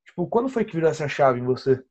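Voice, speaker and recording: A man's voice: on the high side, big pitch swings, fast, a little mellow, highs cut off. A young Brazilian man hosting a casual podcast, talking as an eager, slangy fan with lots of fillers.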